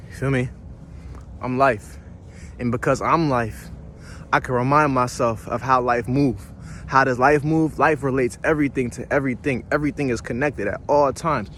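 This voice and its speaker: Filming himself on a phone while walking beside a pond, a male vlogger rambles and philosophizes, breathless from the walk. His voice is medium-pitched, the talk is casual and profane, and a slight background noise can be heard.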